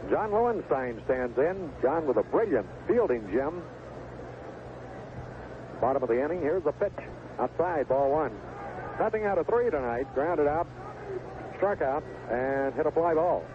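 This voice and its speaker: With a fairly high, expressive voice, a man calls a baseball game live in an unhurried way, pausing often. His commentary, given from an outdoor ballpark booth, is packed with folksy, colorful turns of phrase. It sounds like a tinny, noisy 1970s AM radio broadcast.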